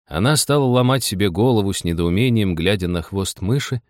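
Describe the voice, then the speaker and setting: A man reading a children's storybook aloud in an expressive, animated way. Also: fairly low pitch, a little fast, no echo, studio quality. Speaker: audiobook reader. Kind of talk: storybook narration.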